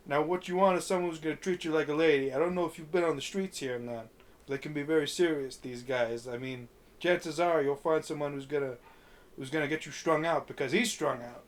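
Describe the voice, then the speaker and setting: A man reading out a smooth-talking male pimp's pitch in a quick, persuasive delivery. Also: natural voice. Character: smooth-talking adult male street pimp.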